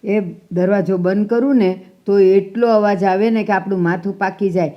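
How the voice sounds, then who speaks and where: A woman's voice: mid-range voice, steady tone, normal speed, lightly acted. A woman playing a stubborn feuding old grandmother. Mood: scolding. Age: older. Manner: indignant, scolding. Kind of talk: family drama acting. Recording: dull, muffled sound.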